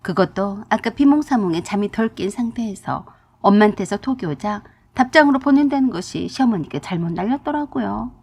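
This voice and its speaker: A woman's voice: medium pitch, darkish tone, breathy edge. A woman narrating her own story in the first person, confiding and dramatic.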